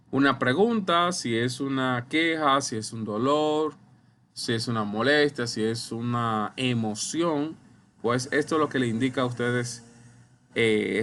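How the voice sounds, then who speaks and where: A man teaching a recorded online lesson over slides, explaining slowly and deliberately, speaking straight to his viewers. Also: mid-range voice, fairly bright tone, slight background noise. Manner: slow, deliberate explaining, addresses viewers as ustedes. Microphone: computer mic while writing with a mouse.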